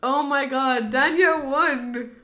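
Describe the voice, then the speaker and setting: A woman streaming a game live, talking to her chat and shrieking with excitement at tense moments. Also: sits high, takes it slowly. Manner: talks to chat as "darlings".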